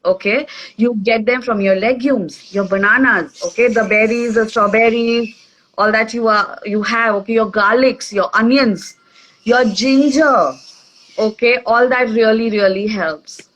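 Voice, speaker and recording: A woman's voice: fairly high pitch, unhurried, fairly bright tone, poor audio. A woman with an Indian English accent explaining simply over a video call, often checking in with "okay". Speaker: nutrition expert guest. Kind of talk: casual online talk.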